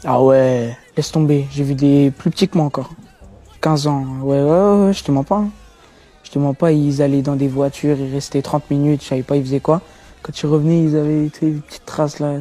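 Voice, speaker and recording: A teenage man, answering interview questions about his rap career in relaxed street slang, often adding "tu vois" and repeating words for emphasis. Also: on the high side, a little fast. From France. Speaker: young rapper interviewed. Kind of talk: casual interview talk.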